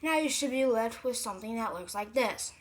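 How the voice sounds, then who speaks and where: Fairly quick and expressive, this medium-pitched voice belongs to a video creator rambling through a casual DIY craft tutorial, correcting themselves along the way and repeating points for emphasis.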